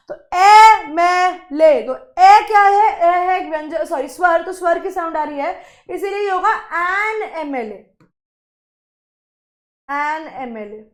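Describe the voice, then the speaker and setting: A woman teacher explaining a lesson to students, asking questions and answering them herself. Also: extremely high pitch. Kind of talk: classroom lesson.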